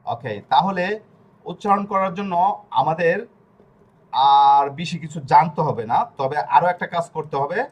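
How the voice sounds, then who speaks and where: A man's voice: a little high, muffled recording. Patient Bangladeshi man teaching pronunciation. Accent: Bangladeshi Bengali. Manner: patient, spells out sounds slowly. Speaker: language teacher. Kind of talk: online class lesson.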